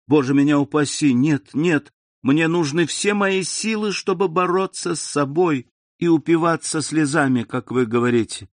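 Man playing anguished young lady, higher, pleading tone, dry close sound. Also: normal speed, no echo, lightly acted. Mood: distressed. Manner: pleading, raised voice. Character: young woman torn by family duty, distressed.

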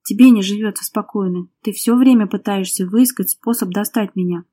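A jealous, hot-tempered young man barks short menacing lines, as a woman reader puts him on. The voice is warm and mellow, clipped and hard. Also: medium pitch, moderate pace, close to an everyday voice. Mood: furious. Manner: curt, snapping, menacing.

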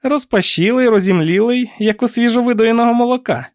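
A man's voice: very high voice, a little fast, darkish tone, dry recording, studio quality, voice pushed up. A man putting on a prying stern old aunt. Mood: reproachful, prying. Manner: reproachful, suspicious questioning.

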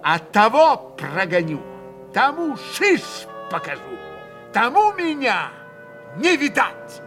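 Man doing a young woman, hysterical, tearful, furious, high and bright. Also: lively intonation, slow, soft background music, full character voice. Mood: anguished frenzy. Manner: hysterical outbursts, bitter and sobbing.

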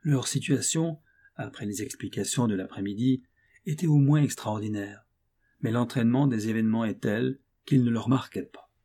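A man narrating a classic novel as an audiobook in a steady, expressive literary reading. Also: mid-range voice, normal speed.

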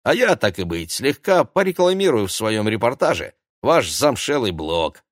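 A man's voice: mid-range voice, sing-song, moderate pace, no echo, studio quality, pitched above the performer's own voice. A man voicing a brash, scheming female TV reporter who is pushy and domineering, in an audiobook. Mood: pushy, mocking. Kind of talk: audiobook character voice.

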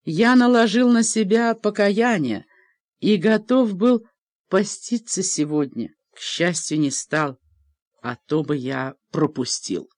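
A woman voicing a kindly, gently ironic middle-aged priest in an audiobook. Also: fairly low pitch, lively intonation, slow, dry recording. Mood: teasing.

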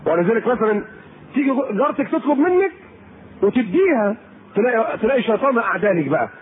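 Egyptian male preacher, playful and animated, on a thin phone-like lecture recording. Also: very high-pitched, fast talker, breathy edge. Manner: lively, teasing, acts out quoted people. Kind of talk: colloquial sermon to women. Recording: tinny phone-like lecture tape with faint hiss.

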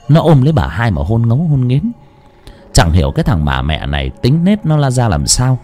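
With dramatic, lurid relish, a man recounts a horror story set in a village. His dark, husky voice swoops widely in pitch over soft background music.

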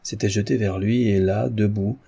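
A man narrates a nineteenth-century novel in a measured, even way. His voice sits fairly low, with a dark, mellow tone and a husky grain. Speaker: audiobook narrator. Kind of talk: scripted literary narration.

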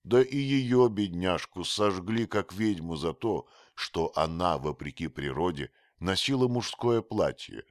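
A man voicing a blunt, hot-tempered young archer who speaks loudly and forcefully in a read-aloud story. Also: low voice, expressive, a little slow, few pauses, no echo, clean studio sound, voice pushed up. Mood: blustering. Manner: loud and forceful.

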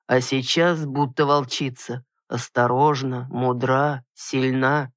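A reader voicing a blunt, loyal male garrison captain in an audiobook, speaking slowly and heavily. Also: medium pitch, fairly bright tone, dry recording, clean studio sound, lightly acted. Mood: awkward.

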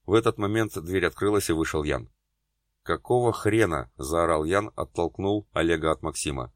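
A man narrating an audiobook with a very low voice. He reads steadily and dramatically through narration and dialogue alike. The recording is dry and close, with no room sound. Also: brisk, no room sound. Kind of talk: scripted narration.

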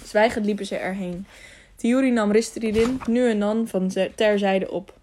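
A woman narrating a children's adventure audiobook in a calm, even way, with the odd slip. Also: mid-range voice, normal speed, slight background noise. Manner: calm, even storytelling with small slips.

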